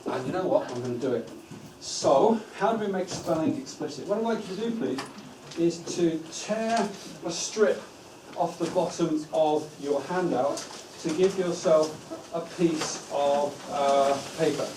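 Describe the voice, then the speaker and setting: A man training teaching assistants in a school room. He gives steady instructions and stretches words out syllable by syllable. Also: on the high side, a little slow. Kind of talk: training workshop talk. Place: school room with a live audience. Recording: echoey room from far off, noisy.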